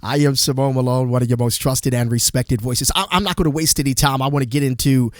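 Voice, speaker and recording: A man's voice: mid-range voice, steady tone, fast talker, dry recording. A man hosting a gospel radio show, talking with enthusiastic, emphatic, repetitive energy.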